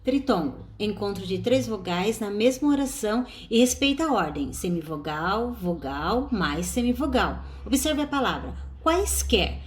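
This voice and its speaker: Lively Brazilian woman teaching a class. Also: on the high side, normal speed, few pauses. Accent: Brazilian Portuguese. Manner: explains step by step, stressing example words. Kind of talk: recorded online class.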